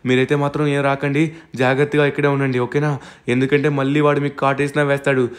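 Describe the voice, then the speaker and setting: A man hosting a gameplay video, narrating his role-play dramatically and shouting challenges at a villain. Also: mid-range voice, level tone, fast.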